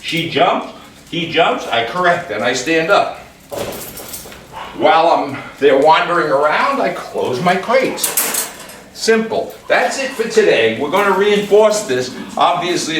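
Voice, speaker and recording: Calm man demonstrating dog training, echoey room. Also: fairly high pitch. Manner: calm, explanatory, gives short commands to dogs. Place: room in a house. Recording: echoey room, mic far off, background noise.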